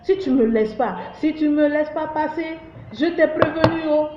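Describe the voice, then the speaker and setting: A woman's voice: high voice, moderate pace, background noise, voice pushed up, close to an everyday voice. A woman voicing an angry, boastful talking frog that threatens and taunts. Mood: threatening. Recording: roomy, dull lo-fi.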